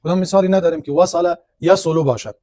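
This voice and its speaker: A man's voice: a little high, warm tone. A man teaching a grammar lesson, explaining step by step and asking and answering his own questions. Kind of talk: classroom lecture on grammar.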